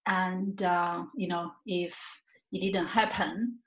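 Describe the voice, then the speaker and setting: Taking her time, a woman with a lowish, steady voice answers interview questions reflectively and openly. She repeats words and phrases while hunting for what she means, in a roomy, echoey recording.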